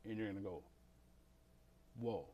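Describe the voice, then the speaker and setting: A man, a behavior change counselor, giving a motivational self-help talk that swings between emphatic, animated delivery and a slow, low, calm voice. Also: dull audio.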